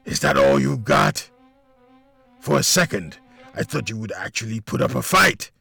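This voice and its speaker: A man voicing a gravelly menacing villain. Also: medium pitch, expressive, pushed and bright, dry recording, soft background music, exaggerated voice. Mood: taunting. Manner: slow taunting menace. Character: menacing gravelly male villain in silver helmet.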